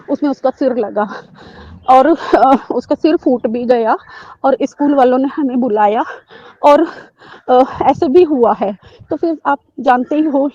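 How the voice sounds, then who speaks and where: A woman in her thirties talks to her spiritual community, rambling earnestly through personal stories and pausing often. Her voice sits a little high and sounds mellow and dark. The recording is dull and lo-fi. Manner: earnest, rambling storytelling with frequent fillers. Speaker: devotee sharing satsang talk. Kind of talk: devotional personal talk to followers.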